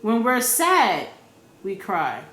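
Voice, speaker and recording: A woman's voice: medium pitch, wildly swooping pitch, slow, a bit bright, echoey room. A woman vlogging her opinions in a blunt, profane way, repeating her points for emphasis. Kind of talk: casual opinion rant.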